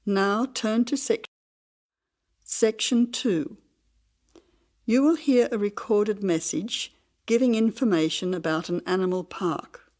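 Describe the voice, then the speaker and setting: A female test narrator with a mid-pitched voice. She reads scripted exam instructions formally and neutrally, enunciating every word clearly. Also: takes it slowly, pauses often, a little mellow.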